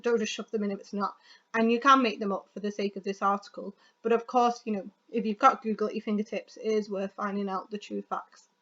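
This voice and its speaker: A woman teacher giving a casual lesson on writing opinion articles, talking quickly with frequent ums and self-corrections. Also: a little high, a bit bright. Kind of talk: recorded classroom lesson. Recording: dull lo-fi sound.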